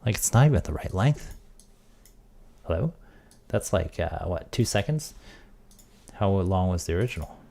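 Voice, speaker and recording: A man streaming casually, thinking aloud as he works on audio software and trailing off into quiet mutters. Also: deep voice, sing-song, normal speed, creaky, long pauses, slight background noise. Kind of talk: casual tech livestream.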